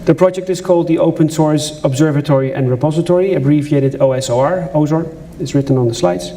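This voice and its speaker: A Dutch man from the Netherlands gives a conversational conference presentation in a lecture room, making asides to the audience and restarting frequently. He talks at a quick pace in a dark-toned voice on the high side, and there's a little hiss or hum.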